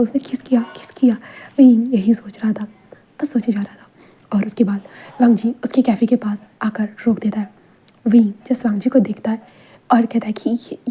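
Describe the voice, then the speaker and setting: Whispered role-play narrator: woman, very mellow, husky breathy tone. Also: fairly high pitch. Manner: casual whispered narration mixing Hindi and English. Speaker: storyteller.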